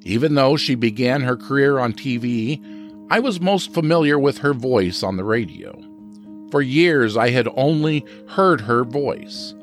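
A man hosting a podcast, reading a scripted true crime narration. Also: mid-range voice.

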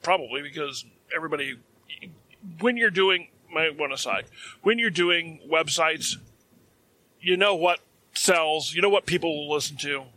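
A man co-hosts a casual podcast in a rather high, very bright voice. He rambles and leans hard on his points, often breaking off to restart a sentence. He says his throat is dry. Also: normal speed. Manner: rambling, self-correcting, emphatic. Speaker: podcast co-host.

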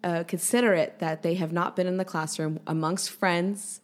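Lively woman educator on a podcast. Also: lowish voice, normal speed. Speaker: educator guest. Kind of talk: podcast interview.

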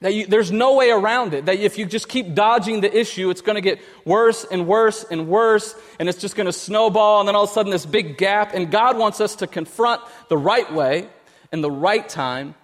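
A man preaching a conversational sermon as pastor, telling stories with lively restarts. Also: sits high, normal speed. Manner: conversational, animated storytelling with restarts. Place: church sanctuary. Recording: long hall reverb.

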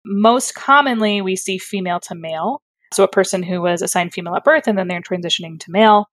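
Talking quickly in a mid-range voice, a female speech therapist describes what she does in a thoughtful, articulate conversational explanation, dotted with fillers and self-corrections.

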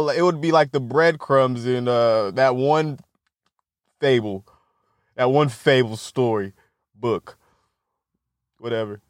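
This medium-pitched young man hosts a podcast, chatting loosely with plenty of laughter, profanity and a stutter, often mocking himself. The sound is clean studio quality without any echo.

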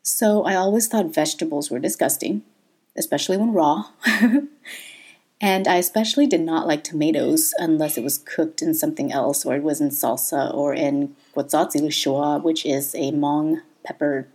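A Thai-born woman in her thirties hosts a personal podcast, speaking candidly and laughing often. Her voice is low, husky and on the darker side, and she talks at a normal speed.

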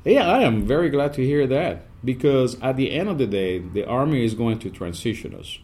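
A man, speaking as an Army command sergeant major guest in an upbeat, animated podcast interview. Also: medium pitch. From Puerto Rico. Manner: upbeat, animated, speeds up and slows down.

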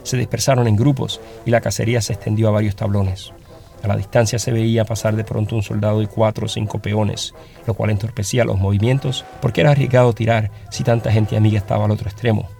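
A man reading a story aloud as narrator, in a steady, dramatic storytelling manner. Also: lowish voice, fast talker, gravelly, soft background music.

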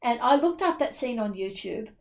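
A woman co-hosting a book podcast discusses books casually, voicing strong opinions and repeating herself for emphasis. She speaks at a moderate pace in a fairly high, animated voice.

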